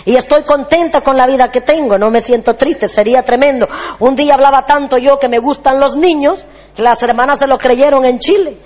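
High-voiced woman preacher in an echoey hall. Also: a little fast, lo-fi sound. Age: 40s. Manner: animated storytelling, acts out children's shrieking voices. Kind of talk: humorous sermon.

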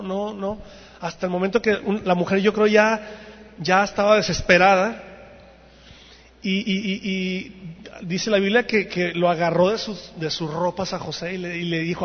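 A man preaching a sermon to young people, telling the story in an animated way and acting out the voices in it. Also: sits high. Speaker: youth preacher. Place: church hall. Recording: dull sound, long hall reverb.

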